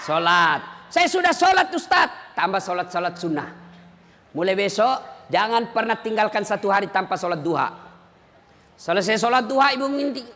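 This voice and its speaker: A male preacher delivers a comic sermon with a strikingly high, piercing voice. He teases the crowd and often shouts his punchlines. His words ring out into a large hall with a long, trailing reverb. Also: slight background noise. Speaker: Islamic preacher. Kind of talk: humorous sermon to a live audience.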